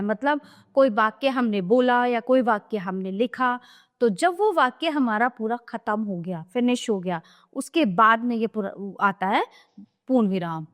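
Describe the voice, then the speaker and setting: Woman teacher, high voice, chatty explaining, long reverb. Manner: chatty, explains each point, asks "है ना?". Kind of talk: grammar lesson explained from a book.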